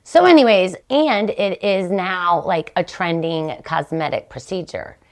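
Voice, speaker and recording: A middle-aged woman, hosting a podcast and telling a rambling story in casual chat, her pitch jumping when she gets excited. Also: unhurried. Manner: chatty, rambling storyteller with animated jumps in pitch. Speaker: podcast host.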